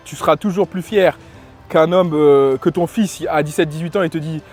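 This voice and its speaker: A man from France, a lifestyle and dating coach, giving casual opinions in a vlog, halting, with lots of fillers and restarts. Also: a little high, darkish tone, soft background music.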